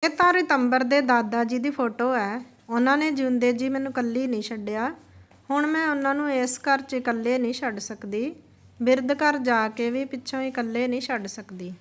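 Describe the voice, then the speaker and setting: A woman voicing a gentle, long-suffering old grandmother who speaks tenderly, in a slightly higher voice than most women. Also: moderate pace, natural voice. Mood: sad.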